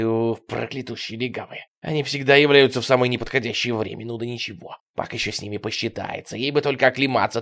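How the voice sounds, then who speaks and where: A man reading a dark story aloud in an expressive, dramatic narration. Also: mid-range voice, vocal fry. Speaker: audiobook narrator. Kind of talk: scripted narration.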